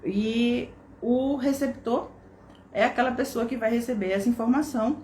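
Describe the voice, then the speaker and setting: A woman's voice: a little high, moderate pace, dark tone. A woman with a Brazilian Portuguese accent teaching an online course, explaining step by step and often checking in with tag questions. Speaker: course instructor. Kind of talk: online lesson. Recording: echoey room with faint background noise.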